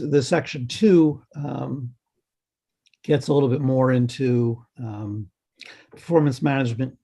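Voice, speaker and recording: A health department staff member gives a halting update to a health committee over a video call, full of ums and restarts. His mid-range voice is warm in tone but slightly hoarse.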